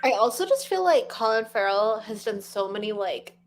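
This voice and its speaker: A young woman co-hosting a podcast, chatting excitedly and packing her talk with "like". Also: mid-range voice. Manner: excited, fast chatter full of "like". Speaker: podcast co-host. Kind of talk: casual chat.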